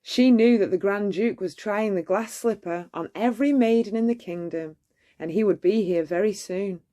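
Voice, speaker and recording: A woman, acting as a storybook reader, narrates a children's bedtime story in a measured, expressive storytelling style with a mid-range voice.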